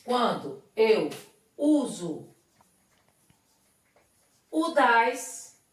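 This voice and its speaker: A woman teaching English, her voice a little high and unhurried. She explains step by step and keeps checking that the class follows. She sits far back from the mic in a room that echoes. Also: sing-song. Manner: slow, patient, often checks understanding. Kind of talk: remote classroom lesson.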